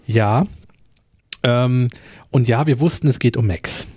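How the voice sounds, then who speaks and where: A podcast host talks through a casual tech chat in a mellow, warm-toned voice. He is chatty and jokey, and he leads the talk. The sound is dry and close to the mic. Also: mid-range voice, slow pace, slightly rough, no room sound.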